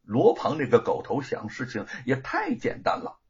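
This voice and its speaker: A man's voice: on the high side, big pitch swings, a little slow, breathy edge, dull audio, exaggerated voice. A man voicing a bold, doting mother. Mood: scornful. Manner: firm, scornful. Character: bold woman, loving mother.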